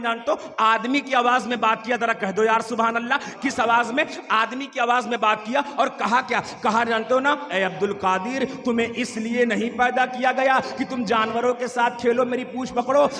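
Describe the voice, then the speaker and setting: A man's voice: extremely high pitch, pushed and bright, long reverb tail. A male Islamic preacher giving an emphatic storytelling sermon, calling on the audience to respond again and again. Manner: emphatic, repetitive, urges crowd to respond. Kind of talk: Urdu religious sermon with storytelling.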